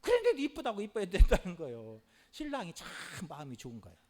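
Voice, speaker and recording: Lively high-voiced male preacher. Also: fast talker. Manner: animated preaching with frequent hallelujahs and rhetorical questions. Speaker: pastor. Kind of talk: sermon.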